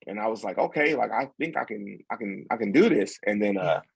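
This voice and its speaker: A young man, a podcast guest, telling a story in a relaxed, rambling way with plenty of fillers and restarts. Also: on the low side, a little fast, vocal fry, husky, no echo, rough recording. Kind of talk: casual storytelling.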